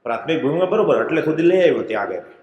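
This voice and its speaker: A middle-aged man reading a spiritual discourse speaks conversationally in a prayer hall, using everyday anecdotes to explain religious ideas. His slightly high voice is very fast with lively intonation, and the echoey hall recording has its highs cut off.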